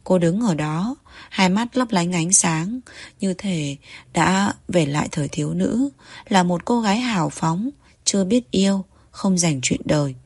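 Low-voiced woman reading a novel aloud. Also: lively intonation, unhurried, darkish tone, breathy edge, dry recording. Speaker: audiobook narrator. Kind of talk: scripted novel narration.

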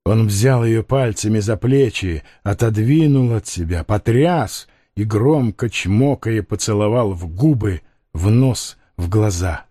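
A man narrating an audiobook in a measured, grave reading. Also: on the low side, dark tone, no room sound, studio quality.

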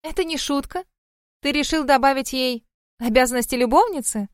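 Женщина озвучивает игривую семихвостую лисицу-духа из аудиокниги, которая дразнит и смеётся. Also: female voice, sits high, normal speed, no room sound, clean studio sound, pitched above the performer's own voice, close to an everyday voice. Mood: mocking. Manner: teasing, laughing, mocking. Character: playful seven-tailed female fox spirit. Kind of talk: audiobook reading.

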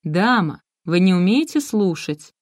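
A woman's voice: on the low side, big pitch swings, unhurried, dry recording, clean studio sound. A woman reading the lines of a cold, condescending middle-aged woman who never wanted her children, in an audiobook. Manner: cool, dismissive, condescending.

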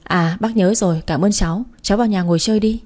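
A woman reading the part of a stern, scheming older mother-in-law who lectures and warns, in a dark, mellow voice. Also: medium pitch, quick pace, natural voice. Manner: lecturing, warning tone.

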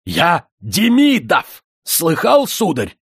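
A man reading a storybook, voicing an arrogant, hot-tempered older factory owner who is imperious and quick to shout. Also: low-pitched, slightly rough, dry recording, studio quality, full character voice. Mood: angry, threatening.

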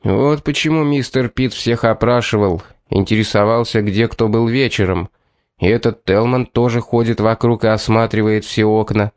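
A man's voice: fairly low pitch, steady tone, normal speed, darkish tone, no room sound, studio quality, natural voice. A man doing a plain-spoken valet. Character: a man, a valet worried about the inquiry.

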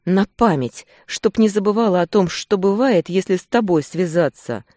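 The reader voicing a young female she-wolf, frightened and furious, who shouts through tears in a romance audiobook. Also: medium pitch, expressive, moderate pace, no echo, clean studio sound, voice pushed up, natural voice. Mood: shouting angrily. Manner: shouting, tearful outbursts.

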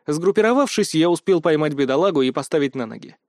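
A man reading first-person audiobook narration with brisk, wry storytelling. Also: fairly high pitch, animated, darkish tone, dry recording, studio quality.

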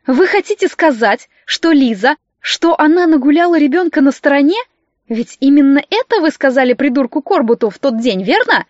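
A woman reading an audiobook voices a fiery, brash young woman who talks loudly, threatening and mocking. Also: high voice, expressive, moderate pace, dry recording, highs cut off. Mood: aggressive.

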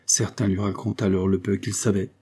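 A man reads a classic novel aloud as a measured, even storyteller. His voice sits low and sounds dark and husky. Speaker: audiobook narrator. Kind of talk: scripted literary narration.

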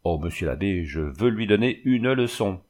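A man voicing a gruff, hot-tempered village painter and father in a storybook reading. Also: lowish voice, expressive, normal speed, a little mellow, lightly acted.

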